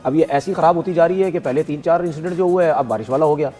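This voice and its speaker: Fast-talking Pakistani Urdu-speaking panelist. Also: male voice, a little high, dark tone, soft background music. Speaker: talk show panelist.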